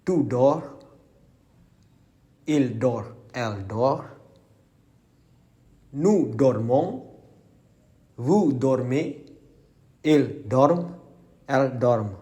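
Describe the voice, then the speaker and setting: A man reciting verb conjugations slowly and clearly as a language teacher. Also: mid-range voice, expressive, warm tone. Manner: slow, deliberate, enunciated recitation. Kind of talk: slow conjugation drill.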